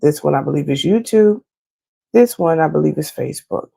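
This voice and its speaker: Woman, hoarse, husky, mellow, chatty explanatory walkthrough, loctician talking to clients. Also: deep voice, expressive, a little fast. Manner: chatty and explanatory, with frequent fillers. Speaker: loctician walking clients through her website. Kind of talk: casual screen-share walkthrough.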